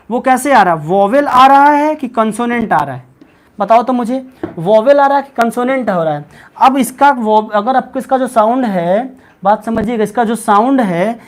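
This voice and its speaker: Male teacher with a high voice, leads a live online class and keeps quizzing students by name. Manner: keeps quizzing students, repeats questions, calls them by name and pet names. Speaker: English teacher.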